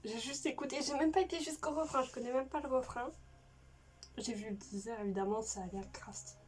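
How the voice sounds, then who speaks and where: Young female reaction vlogger, higher-pitched, slushy lisp, casual gushing slang, slightly distant mic. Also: fairly quick, darkish tone. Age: late teens, young adult. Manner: stiff upper lip from mouth swelling; gushing, informal slang, repeats phrases. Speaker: reaction video host. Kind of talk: casual excited video chat.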